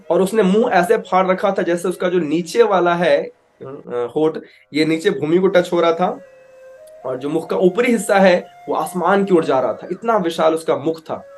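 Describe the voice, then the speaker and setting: A man telling a devotional scripture story as a preacher, animated, acting out characters and mixing in English words. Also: sits high. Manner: animated storyteller, acts out voices with loud outbursts; mixes English words into Hindi.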